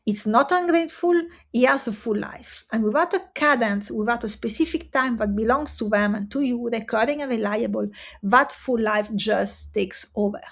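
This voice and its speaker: Speaking directly to camera in a coaching style, this Italian- and French-speaking woman sounds earnest and emphatic. Her voice is fairly high, and she leans on rhetorical pauses.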